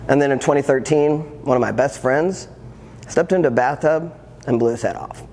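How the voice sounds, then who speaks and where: With long hall reverb and faint ambience around him, a man in his 50s who works as a transformational coach shares his own story earnestly, with touches of wry humor. He speaks at a medium pitch and normal speed in a darkish tone, with a little hiss or hum.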